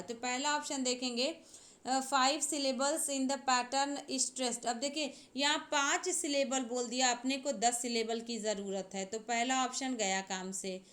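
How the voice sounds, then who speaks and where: A woman's voice: a little high, a bit bright. A woman teacher, explaining an exam-prep literature lesson step by step and checking in with her students.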